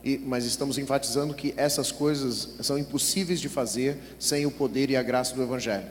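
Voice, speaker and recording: Male interpreter, mid-pitched, quick fluent delivery, echoey church hall with faint noise. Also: steady tone. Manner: quick, fluent, with small restarts. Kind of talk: live consecutive interpreting. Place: large church.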